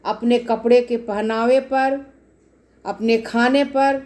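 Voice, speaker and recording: A woman with a slightly high, mellow voice speaks slowly and fairly evenly. She gives her viewers a casual tarot reading, talking to them directly and explaining each card at length, often repeating herself.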